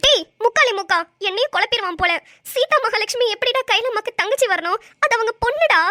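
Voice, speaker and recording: A woman voicing a shrill scolding cartoon wife. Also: lively intonation, fast talker, sharp tone, exaggerated voice. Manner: scolding, trades insults. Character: bossy sharp-tongued young wife, scolding. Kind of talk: cartoon voice acting.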